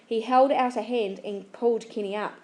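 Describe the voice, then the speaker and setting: Female audiobook reader, steady storybook delivery, somewhat high pitch. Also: normal speed, reverberant. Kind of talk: storybook narration.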